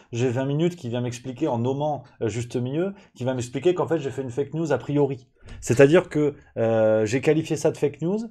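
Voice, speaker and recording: A man with a dark, mellow voice rants through a live-stream press review. His talk is casual and sarcastic, full of fillers, restarts and open irritation. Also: mid-range voice. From France. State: annoyed.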